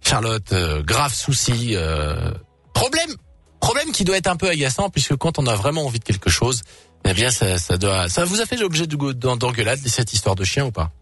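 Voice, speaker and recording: A man hosting an evening call-in radio show, joking and teasing callers in quick banter. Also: medium pitch, sing-song, a bit bright, slightly rough, no room sound, soft background music. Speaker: radio host taking callers. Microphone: studio microphone.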